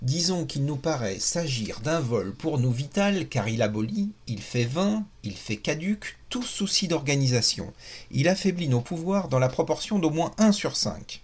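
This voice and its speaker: A man's voice: on the high side, lively intonation, moderate pace, slightly rough. A man voicing an anxious male police commander in a detective story, speaking formally.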